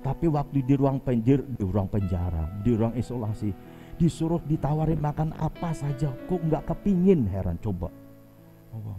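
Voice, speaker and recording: A man's voice: medium pitch, lively intonation, normal speed, mellow, highs cut off, soft background music. A male pastor delivering a Sunday sermon in church, preaching emphatically with frequent sighing exclamations. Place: church service.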